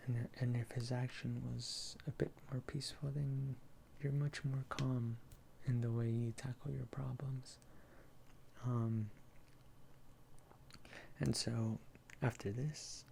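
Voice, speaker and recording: A soft, mellow ASMR role-play in the manner of a gentle therapist, from a speaker of unclear sex. The delivery is slow and halting, with a gravelly fry at the edges and some background noise. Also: medium pitch, flat delivery.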